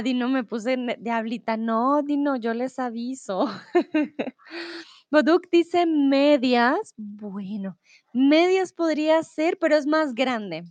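A woman's voice: high voice, no room sound. A woman teaching a live online class, patiently reading out riddles and answering students' chat replies. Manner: patient, switches between Spanish, English and German to explain; reads riddles slowly and deliberately. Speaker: Spanish teacher.

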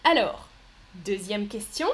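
A woman giving a live pronunciation lesson, speaking slowly and carefully, repeating each word and laughing softly now and then. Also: mid-range voice, lively intonation. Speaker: French teacher.

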